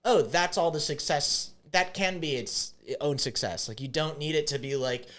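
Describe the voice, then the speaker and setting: A man's voice: fairly high pitch, normal speed, fairly bright tone. A man co-hosting a podcast, talking in loose, rambling sentences with many fillers and restarts. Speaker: podcast co-host. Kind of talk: casual chat.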